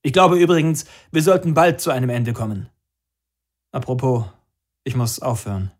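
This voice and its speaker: A man's voice: medium pitch, fairly even intonation, moderate pace, close to an everyday voice. A man voicing a scheming, greedy male music businessman on the phone, pushy and smug, in an audiobook. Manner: pushy, smug, talks over objections. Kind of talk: audiobook character voice.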